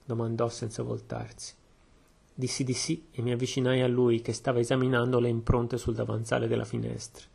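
A man reading a story aloud in steady first-person narration. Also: medium pitch, brisk, gravelly, husky. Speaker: audiobook narrator.

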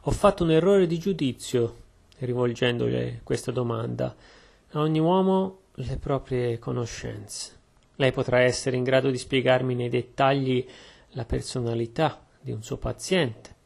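A man voicing a shrewd, calm Belgian detective who speaks in a measured, deliberate way. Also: medium pitch, vocal fry. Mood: calm, probing.

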